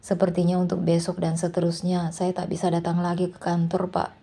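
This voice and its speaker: A woman reading aloud plays a gentle young wife, anxious and politely apologetic. Her voice is low and husky with a gravelly edge. It is a storybook narration. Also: completely flat delivery, brisk.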